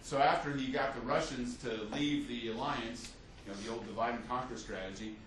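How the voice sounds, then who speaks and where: An unscripted history lecture from a man teaching it as a story, with many fillers and restarts, delivered fairly quickly in a steady, medium-pitched voice. Background noise is present, and the mic sits at a distance in an echoey room.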